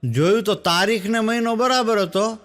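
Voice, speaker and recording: A man's voice: moderate pace, noisy background. A man, a stand-up comedian telling jokes as stories on stage and acting out the people he quotes. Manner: storytelling, acts out quoted speakers in lowered voice.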